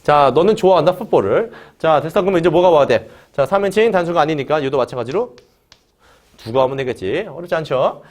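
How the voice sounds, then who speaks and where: A man teaching English grammar in Korean, his voice sitting a little on the high side. He opens almost every phrase with a short "자" and keeps firing questions at his students. He has them repeat key words back to him as he works through each example. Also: expressive, quick pace, a little mellow. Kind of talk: online grammar lesson.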